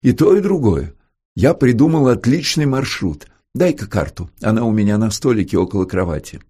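A man's voice: on the low side, sing-song, a little fast, creaky, mellow, breathy edge, heavily acted. A man voicing a frail, terminally ill young man who jokes lightly about his illness. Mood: eager. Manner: joking, lightly mocking.

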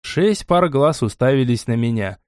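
A man narrating a fantasy audiobook in first person with an expressive, lively reading. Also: mid-range voice, normal speed, dry recording, clean studio sound.

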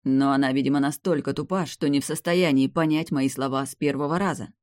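A man reading a fantasy novel aloud in the first person, with steady storytelling. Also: mid-range voice, fairly quick, no room sound, studio quality. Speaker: audiobook reader.

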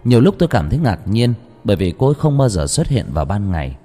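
A man narrating a first-person ghost story dramatically, at times shouting in anguish. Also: fairly low pitch, sing-song, fast talker. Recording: reverberant with background music.

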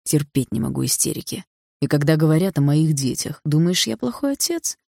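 A woman voicing a controlling middle-aged stepfather who speaks in a calm, menacing, condescending way. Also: sits low, brisk, creaky, no room sound, studio quality, exaggerated voice. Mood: harsh.

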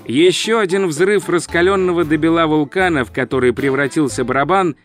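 A man's voice: fairly high pitch, a little fast, a bit bright, soft background music. Man narrating a fantasy audiobook.

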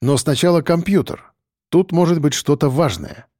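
Man doing a cheeky joking sidekick, higher voice. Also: normal speed, darkish tone, no echo, studio quality, natural voice. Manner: brash, joking.

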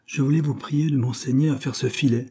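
A man's voice: lowish voice, fairly quick, mellow, husky. A man reading an impertinent young girl in an audiobook, with a pert, complaining tone.

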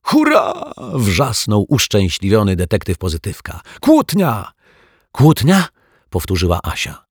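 A man voicing an excitable, eccentric male detective in a children's audiobook, gleeful one moment and hushed the next. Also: low-pitched, normal speed, gravelly, slightly rough, no echo, studio quality, full character voice. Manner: gleeful shouts turning to hushed whispers.

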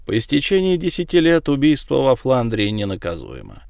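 A man voicing a calm, stern male judge in a storybook reading, measured and formal. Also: mid-range voice, creaky, dry recording, studio quality.

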